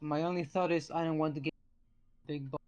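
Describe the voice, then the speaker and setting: A man roleplaying over an online voice chat, talking haltingly, his voice cutting in and out on a bad connection. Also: a little high, steady tone, a little mellow, clear, resonant tone, no echo, dull audio. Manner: halting, restarting mid-sentence. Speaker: tabletop roleplaying player.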